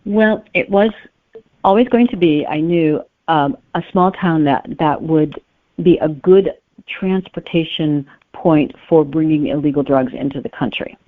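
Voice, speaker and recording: A guest novelist speaks in an interview over a muffled, phone-like line, her voice low and her pace measured. The sound is narrow and close with no echo and little sense of room. She talks conversationally, explaining things with careful qualifications.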